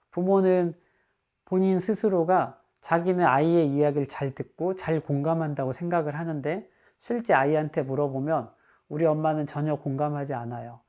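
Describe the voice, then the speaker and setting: A male psychiatrist with a fairly high voice calmly explains advice for parents, occasionally acting out what a parent or child might say.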